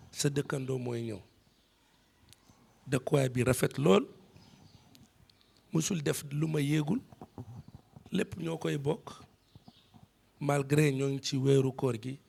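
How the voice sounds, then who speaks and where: A man's voice: fairly high pitch, vocal fry, a little mellow, full character voice. A man with a Senegalese Wolof accent playing a courteous neighbour giving a short ceremonial blessing in a drama.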